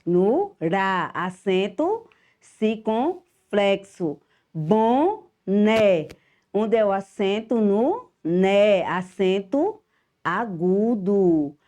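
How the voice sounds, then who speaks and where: A woman's voice: medium pitch, expressive, extremely slow, darkish tone. A middle-aged woman teacher with a Brazilian Portuguese accent, giving a home-school lesson to children, affectionate and emphatic, stressing each syllable.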